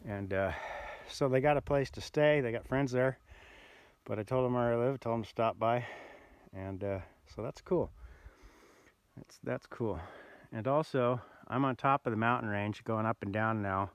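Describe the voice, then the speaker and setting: An older man telling a rambling, easygoing story outdoors on a remote mountain road, with many pauses and "uh"s. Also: mid-range voice, clean tone, no echo. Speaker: bikepacker vlogger. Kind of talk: casual outdoor vlog narration.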